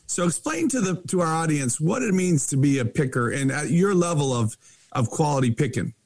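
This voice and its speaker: Male co-host, slightly high voice, animated storyteller who restarts phrases, casual podcast delivery. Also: fairly quick.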